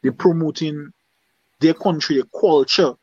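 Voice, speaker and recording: This Dominican singer talks a bit slowly in a high-leaning, slightly mellow and rough voice, checking "you understand?" often during a casual interview. The recording has no echo and its high frequencies are cut off.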